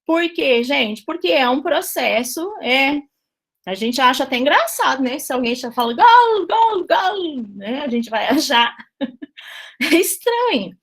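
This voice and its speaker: Brazilian woman teacher, high voice, chatty lecture, frequent tag questions. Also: expressive, a little slow. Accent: Brazilian Portuguese. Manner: chatty, addresses class as "gente", many tag questions. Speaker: Portuguese language teacher. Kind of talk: online class lecture.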